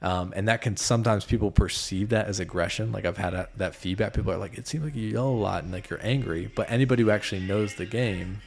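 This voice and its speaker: Deep gravelly man, a basketball coach. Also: fast talker, few pauses. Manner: thoughtful, self-correcting, earnest. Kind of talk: casual podcast conversation.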